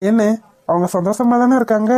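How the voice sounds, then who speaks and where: A bashful young groom in a cartoon, sincere and a little puzzled, with a woman acting him out. The voice is somewhat high and mellow. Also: a little fast, lightly acted. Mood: earnest.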